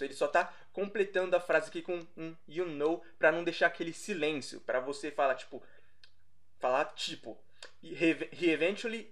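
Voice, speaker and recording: A young Brazilian man teaching a casual English lesson, explaining slowly, repeating himself and correcting his own slips. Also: a little high, fairly bright tone. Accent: Brazilian Portuguese.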